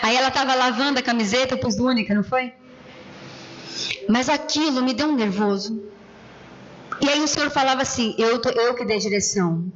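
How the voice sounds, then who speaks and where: A woman pastor preaching a sermon in church, telling personal stories in a conversational, animated way. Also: fairly high pitch, brisk, pauses often, dull audio, slight background noise.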